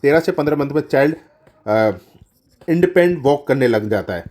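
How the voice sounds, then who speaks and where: A man's voice: on the high side, lively intonation, a little fast, darkish tone. Man tutoring nursing students, repeating facts. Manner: repeats key answers and corrects himself mid-sentence; mixes English terms into Hindi explanation. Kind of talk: exam-prep lecture.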